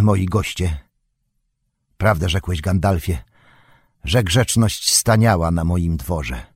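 Male narrator doing a commanding aged king, low and husky, dry audiobook read. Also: a little mellow, no room sound. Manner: stern, rousing battle call. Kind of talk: audiobook character voice.

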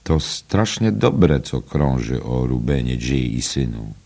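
A man voicing an eager, talkative gentleman who hurries to tell a story, in an audiobook reading. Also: low voice, moderate pace, voice pushed up, lightly acted.

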